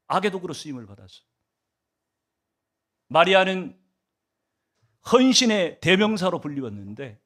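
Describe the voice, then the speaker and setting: A man's voice: high voice, fairly bright tone. A male pastor delivering a Sunday sermon, asking the congregation rhetorical questions and swinging his emphasis up and down.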